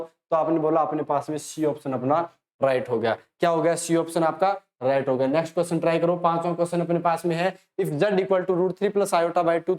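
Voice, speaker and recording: A man's voice: fairly high pitch, a little mellow. Chatty Indian man teaching maths. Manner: chatty, talks to students as if they ask questions; encouraging, urges students to pause and solve. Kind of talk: online lesson, solving problems.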